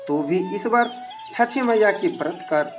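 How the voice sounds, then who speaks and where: A narrator voicing a devout old mother-in-law in a devotional folk story, with slow, earnest delivery. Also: mid-range voice, expressive, music in the background, natural voice. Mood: gentle.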